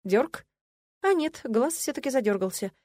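A woman's voice: high voice, lively intonation, moderate pace, a little mellow, no room sound, clean studio sound. A woman narrating a first-person audiobook in a wry, ironic manner.

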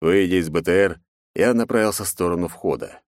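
A man's voice: a little fast, a little mellow, no echo, studio quality. A man narrating a first-person action novel and acting out the dialogue. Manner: voices characters with raised pitch and force. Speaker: audiobook narrator.

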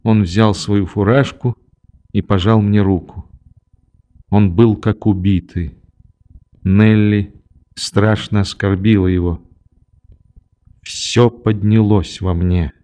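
Slow, mellow male audiobook narrator. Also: fairly low pitch, fairly even intonation. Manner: measured, unhurried storytelling. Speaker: audiobook reader. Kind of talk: scripted narration.

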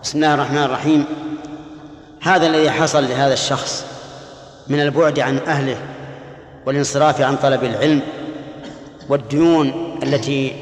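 A man, an Islamic scholar, answering questions in a religious lesson, explaining in a measured way and chanting quoted verses. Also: mid-range voice, fairly even intonation. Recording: echoey hall with long reverb.

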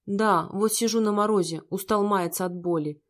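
A woman's voice: mid-range voice, normal speed, natural voice. A woman voicing a cold, bitter rich young man who talks in a harsh, scornful way.

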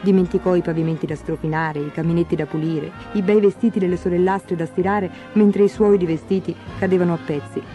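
Mellow-voiced woman reading a fairy tale. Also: lowish voice, brisk, hardly any pauses, dull audio, soft background music. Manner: gentle, expressive read-aloud. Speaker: storyteller. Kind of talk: storybook narration.

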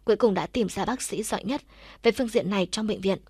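A woman narrating a story for an audiobook in a steady, even reading. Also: mid-range voice, quick pace, slightly rough, no echo, clean studio sound.

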